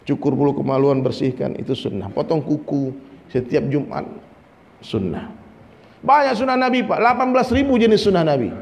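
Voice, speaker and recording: Male preacher, fairly high, chatty sermon style with jokes; reverberant hall. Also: expressive, a little fast, vocal fry. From Minangkabau, West Sumatra. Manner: conversational preaching, keeps addressing listeners as "Pak", jokes and mimics people. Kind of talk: dawn sermon. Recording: faint noise, long hall reverb.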